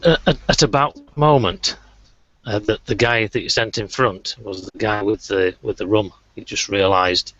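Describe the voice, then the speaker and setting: A man's voice: on the low side, steady tone, normal speed, fairly bright tone, no echo, dull audio. A man narrating a tabletop game as game master, hesitant with many fillers.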